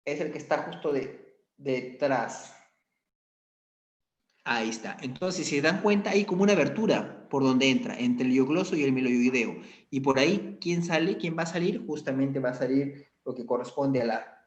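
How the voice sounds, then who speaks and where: A man's voice: medium pitch, normal speed. Man lecturing anatomy in an echoey room. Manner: explains step by step, checks in with students. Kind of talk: lecture over slides. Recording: echoey, dull lo-fi sound.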